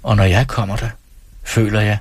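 Low, husky male storyteller. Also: fairly even intonation, no room sound. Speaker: reader. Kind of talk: reading a novel aloud.

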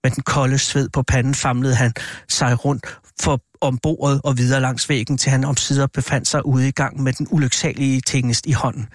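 A man narrating a horror tale as an audiobook, in a measured, deliberate way. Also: mid-range voice, little pitch movement, no echo, clean studio sound.

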